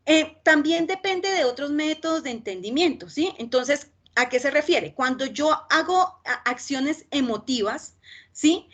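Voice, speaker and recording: Colombian woman teaching a training session, high voice, rushes along, keeps asking "¿sí?". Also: fairly bright tone, husky. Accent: Colombian Spanish. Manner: talks fast with frequent "¿sí?" check-ins. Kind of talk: training lecture.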